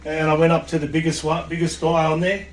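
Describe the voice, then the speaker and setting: A man, a podcast guest and coach, telling an animated story in a blunt, swearing way. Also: on the high side, fast, faint music behind. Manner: blunt, swears freely, acts out quotes. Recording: echoey room.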